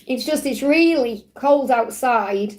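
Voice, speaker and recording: A middle-aged woman with a slightly croaky voice, giving a live tarot love reading in a reassuring, repetitive way. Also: sits high, slow. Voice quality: slightly croaky when hot. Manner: reassuring, repeats points in parallel phrases. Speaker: tarot reader, live show host.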